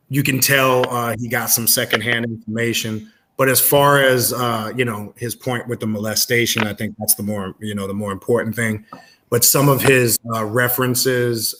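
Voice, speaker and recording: A man as a guest on a casual livestream interview, explaining at length in a measured way with frequent "uh" and "um". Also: on the low side, pushed and bright.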